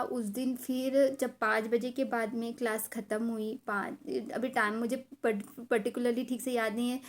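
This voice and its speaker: Young woman, storytelling, emotional, repeats herself for emphasis, somewhat high voice. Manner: emotional, repetitive, mixes English words into her speech. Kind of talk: casual personal storytelling.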